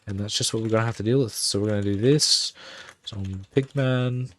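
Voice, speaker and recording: Brisk and fairly low-pitched, a man chats casually on a livestream of his game build in an affected Irish accent. He mutters commands under his breath as he types, thinking out loud.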